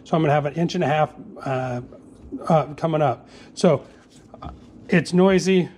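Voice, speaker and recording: A man's voice: fairly high pitch, normal speed, darkish tone, slight background noise. Easygoing man narrating a workshop build. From Northeast Florida. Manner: plain, easygoing, narrating each step with many "uh"s. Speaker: fishing tackle maker. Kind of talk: casual how-to workshop demonstration.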